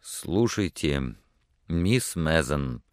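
A man doing a rough earnest suitor. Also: low voice, animated, a bit bright, no room sound, studio quality. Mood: pleading. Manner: halting, earnest pleading.

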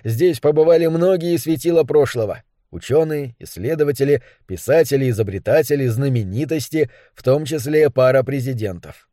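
A man reading a first-person novel as an audiobook, in a measured and dramatic way. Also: mid-range voice, mellow, dry recording, clean studio sound. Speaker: audiobook narrator. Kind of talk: scripted narration.

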